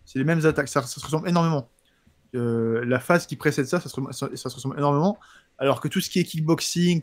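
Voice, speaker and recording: A man chatting casually like a combat sports commentator on a livestream, informal and halting, with a lisp that makes his s sounds slushy. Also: on the high side, no room sound. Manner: informal, halting with repeated words and slang. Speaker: professional MMA fighter answering viewer questions.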